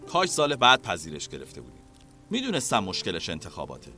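A man voicing a homesick young man studying abroad, who talks in a flat, resigned way. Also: deep voice, soft background music, pitched below the performer's own voice, heavily acted. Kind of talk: storytelling.

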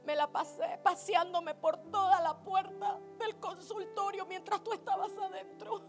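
A woman preaching a sermon at a church service, impassioned, swinging from hushed storytelling to shouting. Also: extremely high pitch, steady tone, measured pace, soft background music.

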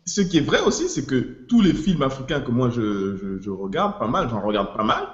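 A podcast co-host with a medium-pitched, sing-song voice speaks briskly on a casual panel, explaining at length, restarting phrases, and slipping in English expressions. The recording is muffled and roomy.

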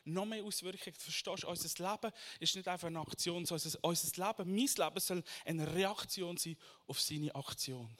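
A man, preaching a sermon that moves between quiet reflection and loud, emphatic questions. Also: on the high side, normal speed, few pauses. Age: 30s. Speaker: pastor.

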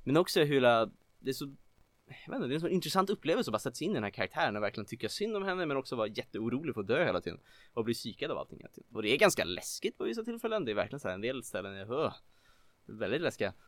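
A man co-hosting a casual chat about video games, rambling with lots of filler words and getting excited. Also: medium pitch, no room sound. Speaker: podcast co-host.

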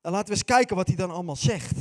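A male pastor preaching with lively, animated storytelling and playful asides. His voice sits somewhat high for a man, and he talks like he is chatting with the congregation. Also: rapid-fire. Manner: conversational, playful humor. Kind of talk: sermon.

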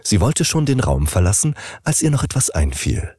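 A man narrating an audiobook in an expressive, wry style. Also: on the low side, normal speed, breathy edge, dry recording, clean studio sound. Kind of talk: scripted narration.

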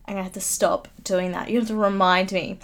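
A woman's voice: mid-range voice, level tone, a little fast. Young woman, late teens, chatty, self-mocking, casual home podcast, close mic. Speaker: YouTuber. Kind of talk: casual solo podcast chat. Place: home room, upstairs. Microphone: studio microphone, close.

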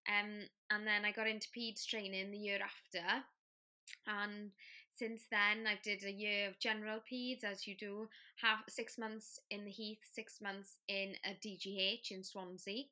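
Guesting on a casual interview, a young trainee pediatric doctor from Wales tells friendly, filler-heavy stories. Her mid-range voice has a sharp tone, little pitch movement and a measured pace.

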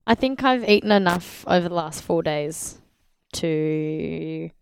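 A woman's voice: sits low, animated, slow, vocal fry, clear, resonant tone, no room sound, studio quality. An Australian woman co-hosting a podcast in casual, jokey, teasing chat. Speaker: podcast co-host.

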